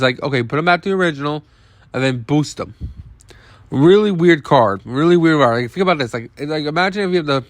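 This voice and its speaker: A man's voice: a little high, no room sound. A young man casually reviewing game cards, thinking aloud with frequent restarts and the odd swear word. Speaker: card game video host. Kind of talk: casual card review commentary.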